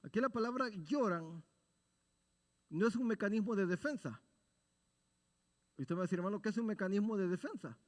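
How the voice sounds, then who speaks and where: A man's voice: high voice, animated, fairly quick, pauses often. A man teaching a Bible study sermon in an earnest, exhorting tone, asking his listeners rhetorical questions and answering them himself. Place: church sanctuary. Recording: long reverb of a church hall.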